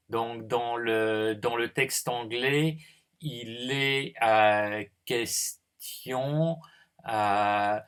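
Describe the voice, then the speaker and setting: A male philosophy teacher talks at a slow, unhurried pace through a recorded lecture. He hesitates often and thinks aloud, and his pitch sits in an ordinary middle range. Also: a bit bright.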